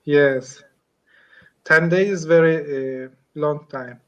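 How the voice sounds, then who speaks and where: Over a muffled, dull-sounding video call, a Turkish man practices English in a relaxed online lesson. He's a computer engineer with a somewhat high, slightly bright voice, and he talks slowly and hesitantly, using lots of "uh" as he searches for the right words.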